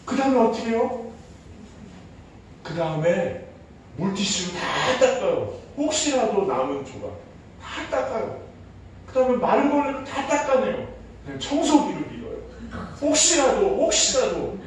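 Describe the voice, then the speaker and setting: A man preaching a Sunday sermon in a conversational, storytelling way, with a high voice. His words ring through a very echoey church sanctuary, picked up by a distant mic with a faint hiss. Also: sing-song, normal speed, pauses often, darkish tone. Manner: conversational, telling everyday stories. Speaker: pastor.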